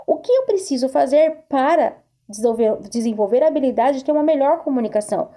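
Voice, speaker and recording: A woman's voice: high voice, expressive, fast, dark tone. A woman therapist giving an earnest self-help talk to camera, repeating herself and asking rhetorical questions. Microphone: recorded video to camera.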